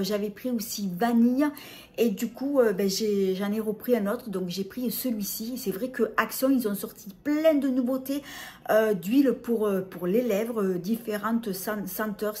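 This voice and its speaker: A woman's voice: mid-range voice, darkish tone. A middle-aged woman presenting a casual beauty haul, talking hesitantly with many fillers and restarts. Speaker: beauty vlogger.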